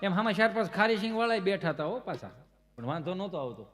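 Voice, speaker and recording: A high-pitched man tells comic stories, chatty and anecdotal. He slips into the voices of the people in his stories and now and then bursts into loud chanted verse. Faint music plays behind him. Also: big pitch swings, fast talker. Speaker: folk comedian and storyteller. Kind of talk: Gujarati comic storytelling on stage.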